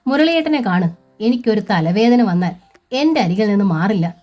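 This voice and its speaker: A woman's voice: mid-range voice, lively intonation, moderate pace, mellow, faint music behind, close to an everyday voice. A woman voicing a worried, outspoken middle-aged sister-in-law who lectures in a fretful tone, in a storybook reading.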